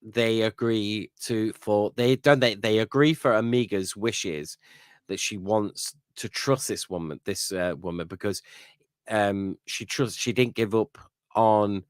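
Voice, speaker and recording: Male podcast co-host, slightly low voice, dry booth sound, loose rambling recap style. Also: a little slow, clean tone, no room sound. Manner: rambling plot recap with fillers and tag questions. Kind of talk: casual episode review chat.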